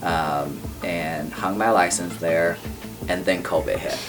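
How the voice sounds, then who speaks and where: A man's voice: low-pitched, takes it slowly, music in the background. A man in his twenties, a real estate agent, talking casually in a podcast interview and laughing often. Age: 20s. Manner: relaxed, laughs often, fillers.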